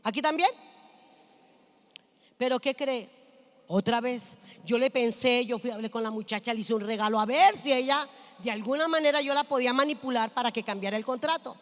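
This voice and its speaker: A woman's voice: on the high side, normal speed. A woman pastor preaching a sermon, telling a personal story and asking the congregation questions. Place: large church hall. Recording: long hall reverb.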